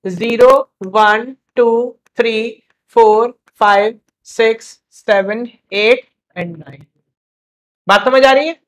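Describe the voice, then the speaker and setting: In this live lesson, a young male teacher quizzes his class rapidly and chides them in good fun to keep their energy up. He speaks at an extremely high pitch, and his tone is fairly bright.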